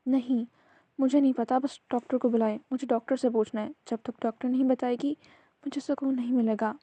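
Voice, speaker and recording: A woman's voice: sits high, fairly even intonation, dark tone, dry recording, highs cut off. A woman voicing a tearful, stubborn young pregnant wife who pleads and insists. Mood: tearful, pleading.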